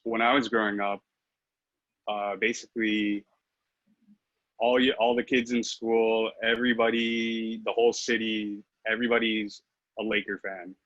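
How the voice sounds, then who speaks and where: A man in his 30s, from the Philippines and raised in Los Angeles, is chatting casually as a podcast guest. He's hesitant, full of fillers and restarts, speaking unhurriedly in a lowish, level voice that's a bit bright. The lo-fi recording has no room sound.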